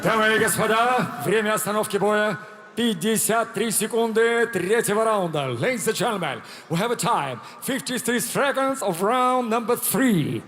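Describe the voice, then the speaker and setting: A man working as a ring announcer, making formal bilingual fight announcements and stretching names out loud in classic fight-announcer style. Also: high-pitched, lively intonation, moderate pace, in a large hall, soft background music. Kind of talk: fight announcing in Russian and English.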